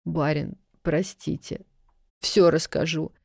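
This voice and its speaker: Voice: mid-range voice, fairly even intonation, measured pace, no echo, clean studio sound, lightly acted. A reader voicing a frightened young serving girl who pleads and sobs as she talks. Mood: pleading. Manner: pleading, sobbing, breathless.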